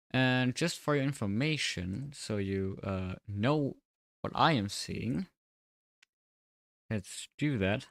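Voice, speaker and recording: A man speaking with braces that make his S sounds slightly off, chatting casually and commentating on a livestream in a low-key, dryly sarcastic way. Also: creaky, no echo, clean studio sound. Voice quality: slightly slurred, odd S sounds from new braces. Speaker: livestreamer and sim racing commentator.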